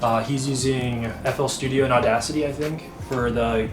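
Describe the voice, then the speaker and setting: A man's voice: medium pitch, steady tone, moderate pace. Young man, cs student, laid-back, filler words, echoey room. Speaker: computer science student. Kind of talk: casual interview. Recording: roomy, music over.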